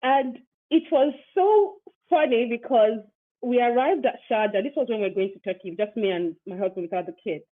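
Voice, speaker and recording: A woman's voice: fairly high pitch, moderate pace. A woman hosting a podcast, chatting casually and telling stories with laughs. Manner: chatty, warm storytelling with laughs. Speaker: podcast host. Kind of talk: casual chat. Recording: tinny phone-like line.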